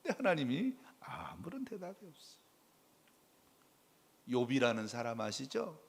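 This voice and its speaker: Gravelly pastor preaching with lively storytelling. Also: male voice, medium pitch, a little slow. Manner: colloquial, dramatic storytelling preaching. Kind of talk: sermon.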